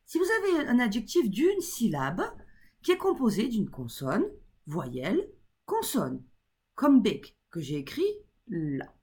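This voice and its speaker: A woman teaching a grammar lesson to her class, who keeps checking that the students follow and spells out letters slowly. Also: fairly high pitch, wildly swooping pitch, a little mellow, husky. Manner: encouraging, checks in with the class often. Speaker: English teacher.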